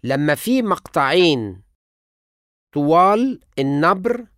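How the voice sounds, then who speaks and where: Egyptian Arabic teacher, scripted lesson, slow and lively in pitch, dry close recording. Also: no echo. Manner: deliberate, carefully enunciating example words. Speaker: language teacher.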